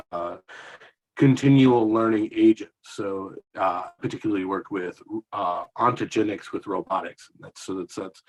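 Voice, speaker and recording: A man joins a remote panel discussion as a guest over a video call, and the choppy audio keeps cutting out, so his volume swells and dips unevenly. He speaks haltingly, with frequent restarts and fillers. His pitch is fairly low and the recording quality is poor.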